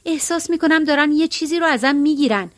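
Woman reading as a worried middle-aged lady, plaintive, earnest, high voice. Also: close to an everyday voice.

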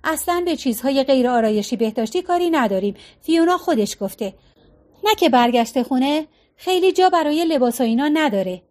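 A woman voicing a curt, businesslike young woman with a raspy voice. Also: high-pitched, lively intonation, darkish tone.

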